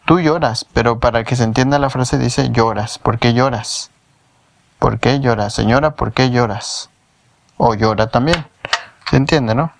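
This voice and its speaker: A man's voice: medium pitch, unhurried, vocal fry. A man with a Mexican Spanish accent gives a patient whiteboard language lesson, repeating words syllable by syllable. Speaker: language teacher. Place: home in a shared housing block.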